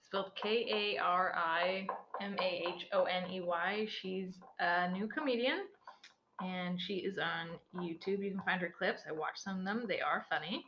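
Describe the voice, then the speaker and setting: A woman's voice: fairly low pitch, moderate pace, roomy sound, lo-fi sound, background noise. A woman co-hosting a casual podcast, joking and irreverent, from Canada. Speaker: podcast co-host. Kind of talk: casual chat.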